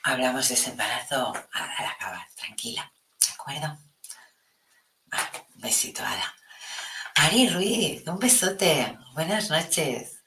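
Low-voiced woman with a European Spanish accent. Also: expressive, measured pace. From Spain. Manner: chatty and affectionate, often dropping to a soft near-whisper. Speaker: host of a live spiritual stream. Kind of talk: casual live-stream chat reading viewer comments. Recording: echoey room with faint noise.

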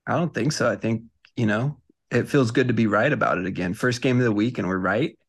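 Man, gravelly voice, mid pitch, easygoing sports podcast co-host, lots of ums. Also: a little fast. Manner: easygoing, agreeable, hesitant fillers. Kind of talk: casual sports chat.

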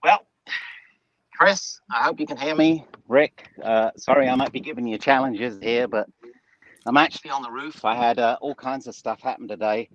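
A man chats casually as co-host of a live show, speaking from up on a rooftop outdoors. His manner is joking and apologetic, at a middle pitch. The call sound is dull and narrow. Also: moderate pace, fairly bright tone, no room sound. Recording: dull band-limited internet call sound.

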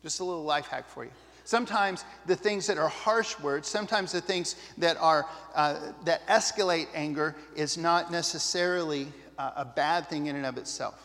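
A man preaches in a casual, earnest way, often turning to the congregation with asides. His voice sits high for a man. The sound carries the long reverb of a church hall. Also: normal speed, a bit bright. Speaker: pastor. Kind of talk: sermon.

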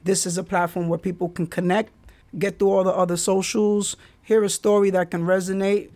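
A podcast host from the Bronx, New York, tells stories solo in a relaxed way, peppering them with street slang. His raspy voice is high-pitched and a little mellow, with little pitch movement and a brisk pace.

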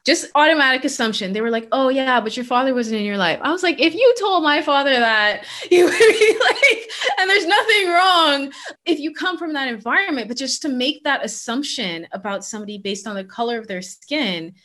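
A woman's voice: sits high, expressive, moderate pace, pushed and bright. A woman from the Bahamas, a career coach, speaking candidly and emphatically in an interview. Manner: candid, emphatic, laughs in disbelief at anecdotes. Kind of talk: conversational interview.

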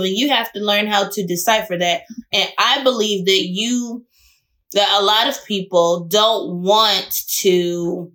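A woman's voice: medium pitch, fairly bright tone. Opinionated woman co-hosting a chat podcast. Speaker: podcast co-host. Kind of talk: casual chat.

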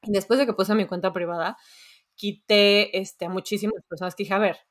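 A woman's voice: mid-range voice, fairly even intonation, a little fast. A Mexican woman in her thirties hosting a podcast, talking frankly and with slang in casual chat. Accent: Mexican Spanish. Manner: frank, slangy, loose talk. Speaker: podcast host.

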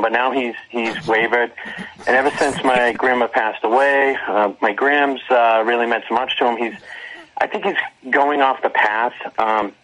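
A man with a Boston accent playing a nervous, devout grieving grandson on a prank radio call, speaking haltingly. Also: medium pitch, bright, forceful tone, close to an everyday voice. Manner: hesitant, halting, earnest. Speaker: prank caller to a radio show. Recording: noisy radio call-in audio with clicks.

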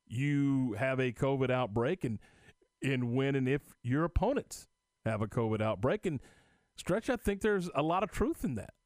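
Guy hosting sports radio, really dry studio sound, kinda halting chatty delivery. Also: medium pitch, dry recording. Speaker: sports radio show host. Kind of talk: live sports radio talk.

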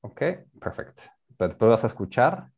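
Male English tutor, patient, lively pitch. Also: fairly quick, slightly rough. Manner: patient, switches between English and Spanish, repeats and explains. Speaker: English teacher. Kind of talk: online bilingual English lesson.

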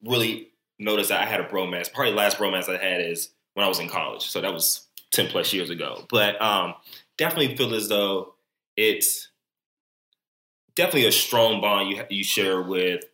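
A man's voice: sits low, moderate pace, sharp tone. A man in his thirties co-hosting a casual podcast in a studio, laid-back and rambling. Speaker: podcast co-host. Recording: echoey room.

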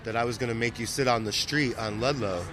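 A man's voice: mid-range voice, fast, fairly bright tone. A man from South Florida hosting a podcast, interviewing his guest casually outdoors on a city street, with a dry, teasing manner. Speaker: podcast host. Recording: busy street noise. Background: city crowd.

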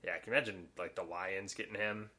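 A man co-hosting a casual sports podcast, blunt and opinionated, with quick asides. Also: low voice, steady tone, bright, forceful tone. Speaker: podcast co-host.

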